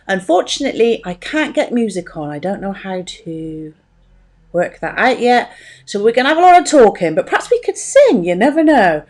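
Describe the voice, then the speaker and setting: A woman's voice: mid-range voice, sing-song, normal speed, a little mellow. A woman hosting a casual podcast interview, talking informally and breaking into her own sentences as she rambles. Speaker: podcast host.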